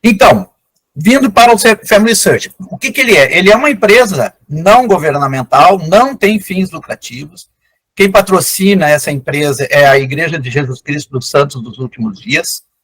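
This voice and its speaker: A man's voice: fairly high pitch, lively intonation, normal speed, a bit bright, slightly rough, low-quality recording. An older man giving an online lecture as a guest genealogist, explaining in an enthusiastic, conversational way over a video call.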